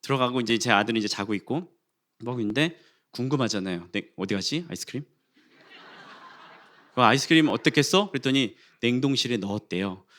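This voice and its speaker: A man in his forties preaching a sermon in a church, telling a funny personal story with lively acted-out dialogue. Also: mid-range voice, fairly quick, pauses often. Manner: animated storytelling, acting out quarrels and rising to loud exclamations. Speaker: pastor. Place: church sanctuary.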